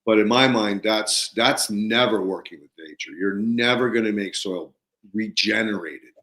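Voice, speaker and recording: A man hosting a podcast interview, telling a story in an animated way. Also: fairly low pitch, measured pace, echoey room. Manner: animated, retells talks in lively voices. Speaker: podcast host. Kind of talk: storytelling in conversation.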